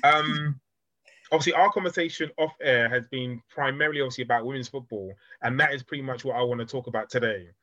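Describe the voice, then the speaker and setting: A man hosting a football podcast, talking quickly and leaning on "obviously" as he asks questions, on a dull, dry recording. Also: medium pitch, bright, forceful tone, no echo. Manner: fast, leans on "obviously". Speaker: podcast host. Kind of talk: podcast interview.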